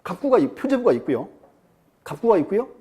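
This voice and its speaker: Animated, mellow-voiced male lecturer. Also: sits high, quick pace. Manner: chatty, asks the class questions and acts out quotes. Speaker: real estate law lecturer. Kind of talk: classroom lecture with storytelling.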